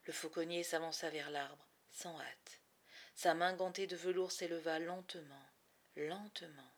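A woman narrating a storybook in expressive, measured phrases with dramatic pauses. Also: low voice. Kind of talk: storybook reading.

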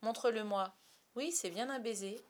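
Storybook: woman doing an excited young boy, bright and raised. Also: fairly high pitch, moderate pace, lightly acted. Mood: eager. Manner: eager, excited.

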